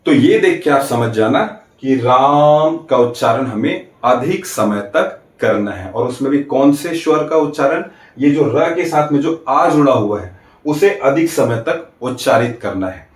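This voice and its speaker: A man teaching an exam-prep grammar class, walking through each point and checking in with quick rhetorical questions. He stretches out vowels to show how they sound. His voice sits a little back from the mic in a roomy space. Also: mid-range voice, animated, far from the mic. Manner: explains step by step, asks rhetorical checks; draws out vowels to demonstrate.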